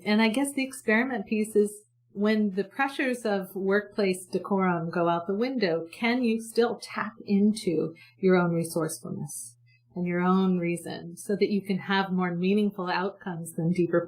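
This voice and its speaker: In a conversational interview, a woman guest speaks earnestly and hopefully about communication, chatty and restarting her sentences often. Her voice is lowish and a little mellow, and the audio quality is poor.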